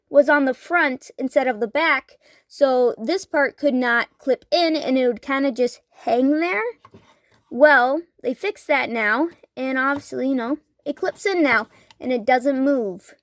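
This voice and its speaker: A woman's voice: high voice, no echo, studio quality. A woman in her thirties giving a casual toy review, eager and rambling, with lots of fillers and restarts. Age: 30s.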